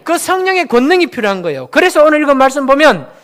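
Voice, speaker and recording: A man's voice: very high voice, big pitch swings, fast, a bit bright. A man from Daegu, South Korea, preaching a sermon as a pastor, asking the congregation questions and having them repeat phrases after him.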